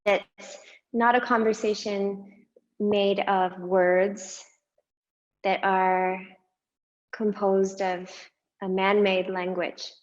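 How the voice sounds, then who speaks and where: Soft-spoken woman guiding a meditation. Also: medium pitch, level tone, highs cut off. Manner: slow, soft and unhurried with long pauses. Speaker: meditation guide. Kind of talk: guided meditation.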